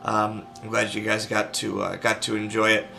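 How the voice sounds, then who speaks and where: A man's voice: on the low side, completely flat delivery, normal speed, creaky, pushed and bright. A man talking to camera in a casual vlog recap, rambling with many ums and restarts, sleep deprived. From Arizona, US. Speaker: gaming video creator.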